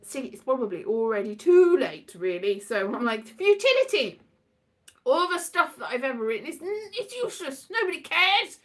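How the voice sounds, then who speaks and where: A woman with a high voice performs a solo radio play monologue at a moderate pace, rambling and casually comic. Her manner is theatrical, wry and exasperated, and she slips into a sing-song delivery and mimicked exchanges.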